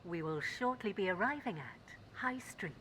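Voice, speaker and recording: A woman's recorded onboard train announcements, built from spliced-together words with a measured, even delivery. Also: mid-range voice. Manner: slow, measured, even phrasing. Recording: long reverb, faint background noise.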